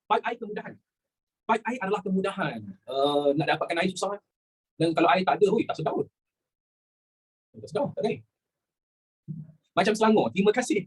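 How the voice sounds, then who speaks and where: A man's voice: sits high, fast, long pauses, husky. A man with a Malaysian Malay accent teaching a history lesson in a chatty way, asking rhetorical questions and repeating his phrases. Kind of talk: classroom lesson mixing in English words.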